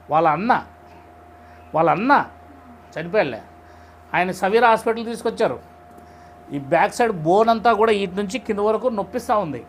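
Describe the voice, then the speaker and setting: A preacher leading a Bible study delivers a conversational sermon in a strikingly high voice. He repeatedly poses rhetorical questions to his listeners and tells stories in simple, everyday language, with a faint hum running quietly underneath.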